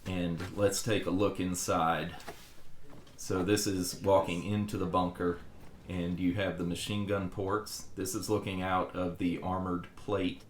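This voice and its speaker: Male explorer-narrator, very low voice, earnest and reflective travel narration, roomy echo. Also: little pitch movement, unhurried. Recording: echoey, reverberant room with audible background noise.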